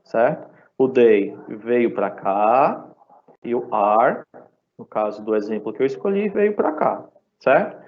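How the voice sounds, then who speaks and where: Man, Brazilian Portuguese accent, online teacher, patient explanations, checks in often, middle pitch, muffled lo-fi audio. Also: animated, slow pace. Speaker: English teacher. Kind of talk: live online class. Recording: dull lo-fi sound.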